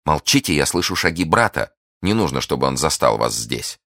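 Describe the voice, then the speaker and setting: Man reading as a cold scheming noble lady, soft restrained delivery, very deep voice. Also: very animated, a little fast, no room sound, clean studio sound, heavily acted. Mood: commanding. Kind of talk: audiobook character reading.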